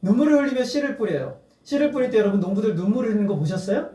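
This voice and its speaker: A man's voice: high-pitched, lively intonation, rapid-fire, warm tone. A male pastor preaching a sermon, earnest and building to emphatic appeals, breaking into laughter. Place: church sanctuary. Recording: echoey church hall, mic at a distance.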